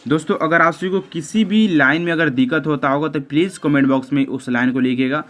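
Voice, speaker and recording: A man's voice: fairly high pitch, fairly quick, fairly bright tone. A man teaching an English lesson, explaining it in Hindi. He speaks hesitantly, with frequent filler sounds, stumbles over the English lines and talks to his viewers as friends.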